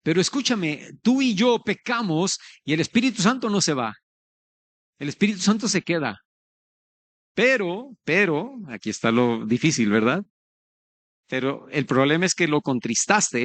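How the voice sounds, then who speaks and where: Male pastor, high voice, earnest direct preaching, dry close sound. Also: lively intonation, normal speed, fairly bright tone, no room sound. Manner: earnest, conversational preaching, often addressing listeners as brother. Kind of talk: sermon.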